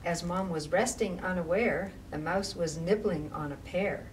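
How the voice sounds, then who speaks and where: A library storytime reader with a lowish voice reads a rhyming children's story aloud to young kids, expressive, slow and deliberate, dropping in casual asides. The mic sits at a distance, picking up faint background noise.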